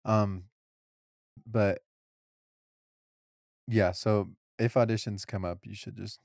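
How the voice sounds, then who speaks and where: A man's voice: on the low side, fairly even intonation, slow, gravelly, darkish tone, no room sound, studio quality. A young adult man co-hosting a podcast, teasing and joking in casual chat. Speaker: podcast co-host.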